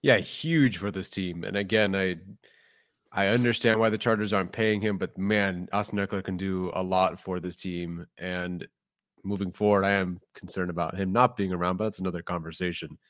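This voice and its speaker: A man's voice: low-pitched, little pitch movement, normal speed, a bit bright, no room sound, clean studio sound. A young man co-hosting a casual sports podcast, talking through his analysis in a direct, upbeat way. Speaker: podcast co-host.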